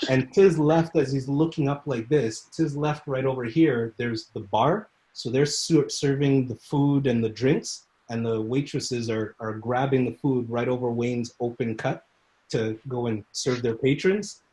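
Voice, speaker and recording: A man's voice: medium pitch, unhurried. A man, a Muay Thai instructor, telling stories in a casual podcast interview and acting out the people he quotes. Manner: animated storyteller who acts out quoted people and laughs often.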